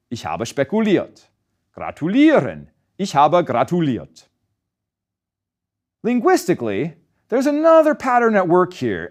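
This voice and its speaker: A man with a fairly high voice that swings widely up and down as he narrates a scripted German grammar lesson. He explains each rule step by step and slows down to sound out the German example words. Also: darkish tone. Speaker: German language teacher.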